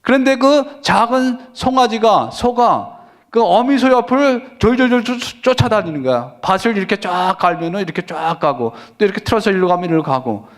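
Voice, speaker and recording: A middle-aged pastor preaching a conversational sermon, who keeps asking the congregation questions and answers them himself. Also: male voice, sits high, lively intonation, normal speed. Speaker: senior pastor.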